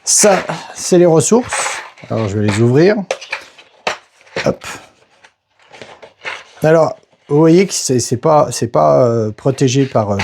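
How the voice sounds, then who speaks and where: A man casually narrating a board game unboxing, hesitant and halting, filling pauses with little interjections as he handles each piece. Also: mid-range voice, dark tone, a little hiss or hum. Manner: slow, hesitant, narrates each step with "voilà" and "hop".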